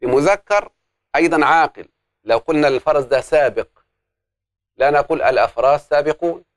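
A man's voice: a little high, fairly quick, no room sound, studio quality. A man teaching an Arabic grammar lesson, explaining step by step and putting questions to the class that he answers himself.

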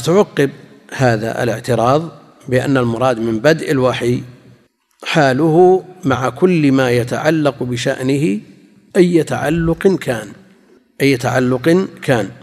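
A man giving a classical religious lesson, measured and explanatory, often repeating key phrases for his listeners. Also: medium pitch, darkish tone. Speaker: Islamic scholar teaching hadith commentary. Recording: long reverb in a large hall.

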